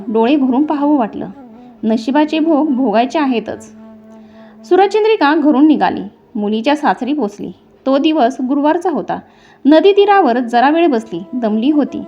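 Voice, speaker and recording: A woman narrating a devotional story in a measured, recited way. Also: high voice, darkish tone, lo-fi sound.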